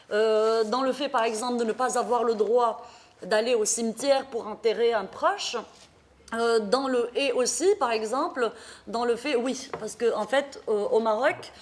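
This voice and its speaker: A woman from Morocco speaks at a small public debate in a rather high voice. She is earnest and halting, filling her pauses and restarting her sentences as she thinks. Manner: earnest, hesitant, many fillers and restarts. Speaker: panel speaker.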